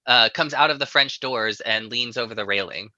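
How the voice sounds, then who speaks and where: Sharp, bright male screenplay narrator. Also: medium pitch, normal speed, dry recording, dull audio. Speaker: narrator reading stage directions. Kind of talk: narrating a live screenplay reading.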